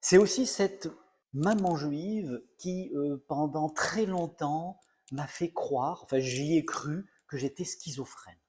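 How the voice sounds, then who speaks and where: A man's voice: fairly high pitch, slow, background noise. A middle-aged male comedian telling a self-mocking story in a mock-serious, playfully exaggerated comic monologue.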